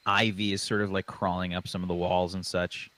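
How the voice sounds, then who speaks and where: A man's voice: deep voice, little pitch movement, brisk, bright, forceful tone. A man narrating as game master of a tabletop game, loose and rambling with lots of fillers.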